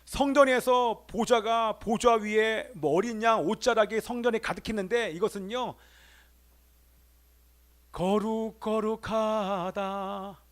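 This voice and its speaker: A man's voice: sits high, moderate pace, few pauses. A middle-aged male pastor giving a Sunday sermon in a church, preaching with emphatic rises and calling out to the congregation. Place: church sanctuary.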